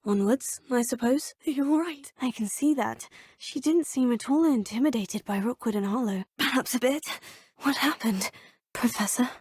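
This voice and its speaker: Here the player character is a polite young Hogwarts fifth-year witch, speaking formally in video game lines and addressing teachers as sir and professor. The woman's voice sits a little high with a darkish, slightly rough tone at normal speed. Recorded on a close studio mic, it's studio quality with no echo.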